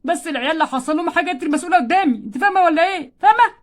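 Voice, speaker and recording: A woman's voice: very high-pitched, expressive, rapid-fire. A woman with an Egyptian Arabic accent voicing a grumpy, nagging male doll husband in a toy role-play story. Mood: scolding. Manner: nagging, exasperated.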